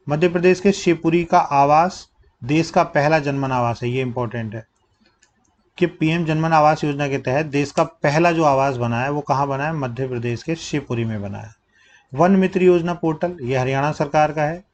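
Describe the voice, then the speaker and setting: A man with a fairly high voice teaches current affairs for an exam class. He poses quick questions and answers them himself, dropping his voice low on the facts to memorise. Now and then he breaks off to write with a pen. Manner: drops low to stress facts to remember; writes on the board with a pen while talking. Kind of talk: exam prep lecture.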